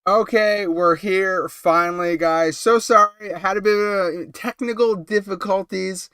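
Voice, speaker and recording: A man with a cold talks at a measured pace on a relaxed late-night live stream, his high, bright tone remaining smooth and clear. He rambles chattily, peppered with ums and short laughs. The recording is dry and close, with no room sound.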